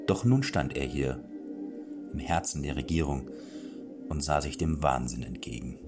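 A man narrating a fantasy audiobook with expressive storytelling and small self-corrections. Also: a bass voice, measured pace. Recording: clear background music.

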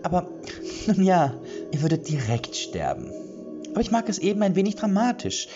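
A man's voice: sing-song, moderate pace, lo-fi sound, music in the background. A man voicing a cruel, gleeful female witch in a fairy-tale audiobook, taunting and theatrical. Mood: gloating glee. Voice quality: high, sing-song and cackling.

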